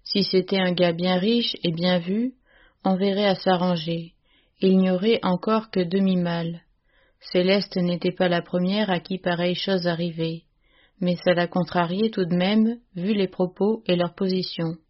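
A woman's voice: lowish voice, lo-fi sound. Woman reading a classic tale aloud. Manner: measured, expressive storytelling. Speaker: narrator. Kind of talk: audiobook reading of a classic story.

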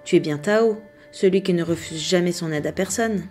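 A woman's voice: lowish voice, moderate pace, a little mellow, soft background music, close to an everyday voice. A woman voicing a mysterious grey-clad male messenger who speaks urgently and brusquely in a storybook tale.

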